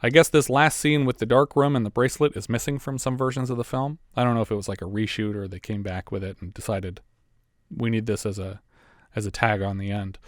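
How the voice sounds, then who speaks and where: A man's voice: fairly low pitch, fairly even intonation, fairly quick, no echo, studio quality. A man co-hosting a podcast, casually recapping a movie's plot with chatty asides. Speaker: podcast co-host.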